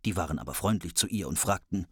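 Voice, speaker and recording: Lively storyteller with a very animated voice. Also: sits low, fast, husky, no room sound, clean studio sound. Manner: lively, playful, adds asides. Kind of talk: fairy tale reading with voices.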